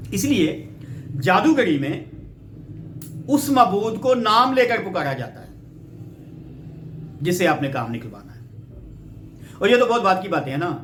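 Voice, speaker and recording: A man's voice: sits high, fairly bright tone, a little hiss or hum. A man from Pakistan giving a Bible teaching lecture, explaining step by step and checking in with rhetorical questions. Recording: roomy echo.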